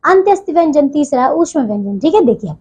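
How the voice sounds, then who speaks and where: High-voiced woman teaching children. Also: big pitch swings, darkish tone. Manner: repeats "ठीक है" as a check-in, slows to spell out sounds. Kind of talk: classroom grammar lesson for children. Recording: dull lo-fi audio.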